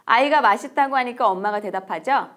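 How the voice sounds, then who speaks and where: A woman teaching English in a recorded lecture, repeating English phrases slowly and clearly, with a friendly, encouraging tone. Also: on the high side, a bit bright. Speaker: English teacher and book author.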